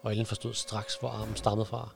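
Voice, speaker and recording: A man presenting a book and reading a horror excerpt aloud in a steady storytelling way, over background music. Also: on the low side, vocal fry. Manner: steady storytelling narration, speeding up in action.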